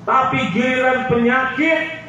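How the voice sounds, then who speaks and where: A middle-aged man giving a lively, joking sermon on an outdoor stage, speaking into a handheld microphone and often asking the crowd questions. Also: very high voice, measured pace, a little hiss or hum. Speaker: preacher. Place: outdoor stage under a tent. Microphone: handheld mic, far camera. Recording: roomy, distant, dull PA sound.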